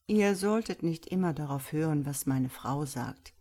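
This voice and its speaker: Woman voicing a quiet, low, sorrowful husband. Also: animated, exaggerated voice. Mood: sad. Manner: quiet and slow. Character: gentle sorrowful husband, soft-spoken.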